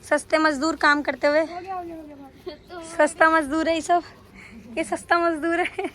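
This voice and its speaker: A young woman with a hoarse voice chatting playfully to her viewers on a phone camera from a busy family rooftop. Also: very high voice, level tone, a little slow, a bit bright. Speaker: vlogger. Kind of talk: casual vlog chat. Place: home rooftop with family around. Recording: crowd of family chatter behind.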